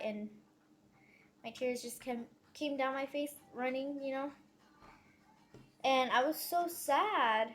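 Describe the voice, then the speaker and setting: A pregnant teenage girl telling her story in a casual confessional vlog, rambling fast with many fillers and self-corrections. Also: on the high side. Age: teens.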